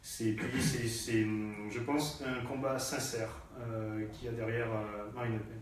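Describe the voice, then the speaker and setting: A man's voice: mid-range voice, little pitch movement, measured pace, a little hiss or hum. Hesitant man in an echoey room. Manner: hesitant, many fillers and repeated words. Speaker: party activist. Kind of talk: live political discussion. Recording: distant echoey room sound.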